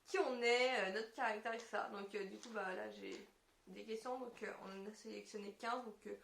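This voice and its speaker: A woman co-hosting a casual chat, talking loosely with many fillers and pauses. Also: mid-range voice, steady tone, creaky, a bit bright, slight background noise. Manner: chatty, heavy on fillers like "donc, euh, du coup". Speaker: co-host. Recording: roomy echoey sound.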